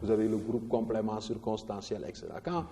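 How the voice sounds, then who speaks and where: A man, teaching a poetry lesson in an animated way, stressing syllables and often restarting his words. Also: lowish voice, fairly quick. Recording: long reverb.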